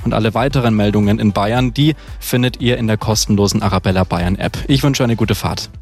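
A man's voice: lowish voice, a little fast, over music. A man giving a radio traffic report in a friendly, informal way, speaking straight to drivers.

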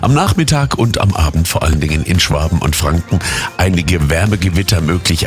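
A man reading the weather forecast on the radio in a brisk, lively manner. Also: low-pitched. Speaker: weather presenter. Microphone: studio mic.

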